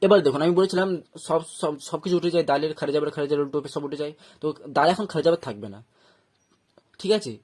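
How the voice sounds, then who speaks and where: Bengali guy teaching quran reading, slow and patient, slightly high voice. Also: a little mellow. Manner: patient, repeats and breaks words into syllables, checks "okay?". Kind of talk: step-by-step recitation lesson.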